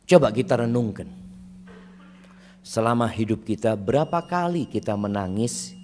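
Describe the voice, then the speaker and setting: A man with an Indonesian accent preaching a sermon, telling stories and acting out quoted voices, dropping to whispers and rising to emphatic peaks, reciting Arabic slowly. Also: fairly low pitch, a little mellow, slight background noise. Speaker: Islamic preacher.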